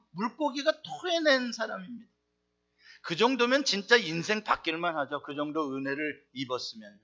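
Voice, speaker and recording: A man pastor preaching a sermon with emphatic rhetorical questions, swinging between loud outbursts and soft asides. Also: high-pitched, muffled recording.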